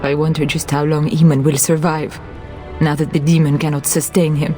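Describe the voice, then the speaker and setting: A woman's voice: low voice, little pitch movement, moderate pace, warm tone, faint music behind, natural voice. An actress playing a desperate, grief-stricken noble mother in a fantasy video game, with a pleading, emotional delivery. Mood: grieving. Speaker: noblewoman character.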